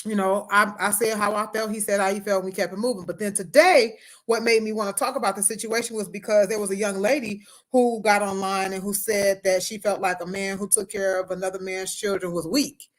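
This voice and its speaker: A woman's voice: mid-range voice, steady tone, fairly quick, hardly any pauses. A woman hosting a casual livestream as a relationship coach, talking emphatically and repeating key phrases, her speech a little off from wearing a retainer and braces.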